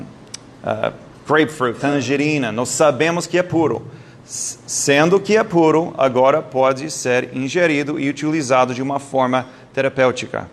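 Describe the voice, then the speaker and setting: A man's voice: medium pitch, slight background noise. Man lecturing a live audience. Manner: lively storytelling, quizzes the audience, occasional non-native slips.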